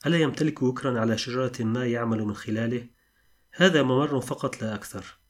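A man's voice: medium pitch, quick pace, natural voice. A man voicing a curious male bear who asks questions about the forest in a storybook. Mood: puzzled. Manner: questioning, surprised.

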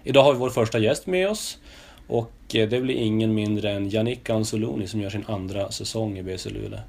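A man with a Swedish accent hosts a relaxed podcast chat, his low voice carrying a gravelly rasp. He hesitates often, restarting his questions with plenty of fillers. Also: fairly quick. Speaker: podcast host. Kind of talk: casual interview.

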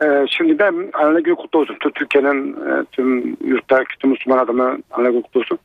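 A man's voice: mid-range voice, little pitch movement, fast talker, vocal fry, no room sound. A man from Malatya, a truck driver, calling in over a landline phone and speaking bluntly. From Malatya, Turkey. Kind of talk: call-in radio phone chat. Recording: tinny phone line.

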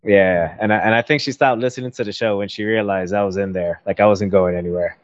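A man's voice: fairly low pitch, fairly even intonation, fast talker, no room sound. Slangy joking man, dull dry audio. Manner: joking, slangy, laughs while talking. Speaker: podcast co-host. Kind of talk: casual chat.

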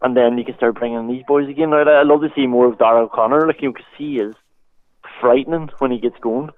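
A man's voice: mid-range voice, fairly even intonation, quick pace, no room sound. A man with an Irish accent gives casual, conversational sports analysis as a pundit. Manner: conversational, peppered with "like" and "you know". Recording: tinny, phone-like narrow band.

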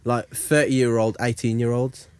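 A man's voice: medium pitch, little pitch movement, unhurried, darkish tone, clean tone, no room sound. A young man with an urban London roadman accent in casual podcast discussion, speaking emphatically and repeating phrases to make his point. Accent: London, urban roadman slang.

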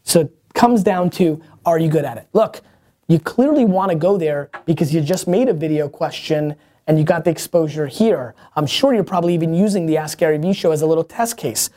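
Hosting a show built on viewer questions, a man with a dark-toned voice on the high side speaks a little fast. The energetic motivational Q&A is delivered bluntly and emphatically, with restarts and mild cursing.

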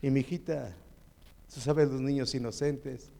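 A man's voice: mid-range voice, fairly even intonation, a little slow, gravelly, mellow. A man with a Mexican accent giving a heartfelt, tearful personal testimony in church.

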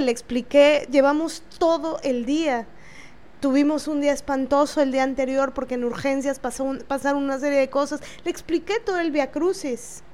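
A woman with a Mexican Spanish accent, telling an angry first-person account in an indignant way, swearing freely and pausing on fillers. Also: high-pitched, a little mellow. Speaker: vlogger.

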